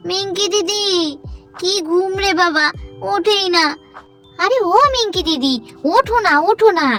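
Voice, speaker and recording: A woman's voice: extremely high pitch, measured pace, a bit bright, faint music behind. A woman voicing a whiny little sister doll who pleads and tattles. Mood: pleading. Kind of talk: doll play voice acting.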